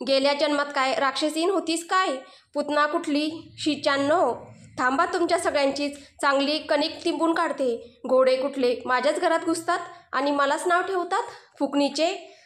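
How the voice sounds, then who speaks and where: A woman voicing an angry middle-aged auntie who yells insults while beating intruders. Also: normal speed. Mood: furious scolding. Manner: shrill, yelling insults. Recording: roomy echo.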